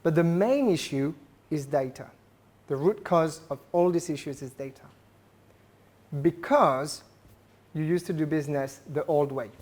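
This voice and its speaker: At a business event, a French man with a matching accent addresses a live crowd conversationally, frequently asking the audience questions to keep them engaged. His slightly high voice has a darkish color. Expect lots of "uh" and "right?" along the way.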